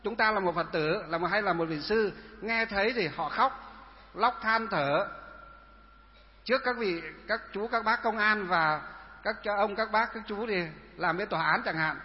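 A man preaches as a Buddhist monk, posing questions to his listeners and answering them himself, often going back over the same words. His voice sits high for a man. The recording is dull and lo-fi, with a long reverb trailing each phrase. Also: normal speed. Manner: repetitive, asks and answers own questions. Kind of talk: sermon with rhetorical questions.

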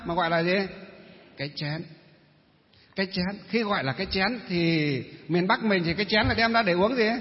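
Northern Vietnamese monk preaching in a reverberant hall. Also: male voice, high voice. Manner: asks rhetorical questions and answers them himself. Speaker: Buddhist monk teacher. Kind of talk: dharma talk sermon. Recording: reverberant hall, dull muffled sound.

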